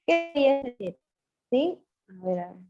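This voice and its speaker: A woman teacher giving an online language class, patiently quizzing her pupils and spelling words out slowly. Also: high-pitched, sing-song, soft background music. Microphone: video call. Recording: muffled lo-fi video call audio.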